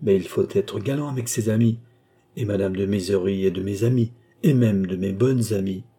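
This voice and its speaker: Kindly court doctor, dark husky tone, musing then exasperated, read by a man. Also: fairly low pitch, normal speed.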